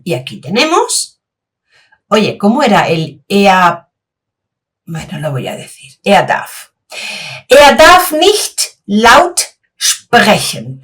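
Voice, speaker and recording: A woman's voice: mid-range voice, a bit bright. A woman teaching a language lesson, patiently repeating example sentences and asking the listener questions as she explains. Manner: asks rhetorical questions to the learner. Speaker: German teacher. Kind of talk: slow, clear language lesson.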